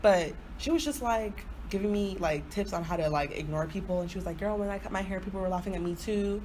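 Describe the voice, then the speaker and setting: Quick-paced and medium-pitched with a darkish tone, she's heard on a low-quality recording with slight background noise. A co-host on a podcast, this woman in her early twenties from Houston, Texas, not raised there from birth, tells informal, slangy stories peppered with "like."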